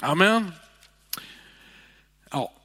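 A male preacher giving a sermon, moving between loud calls and hushed, sighing near-whispers. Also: high-pitched, animated, breathy edge, big-room sound.

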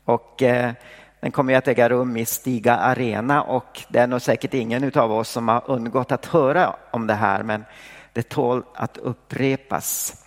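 A man preaching a sermon in a church hall, reading scripture and then teaching in a calm, measured way. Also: medium pitch.

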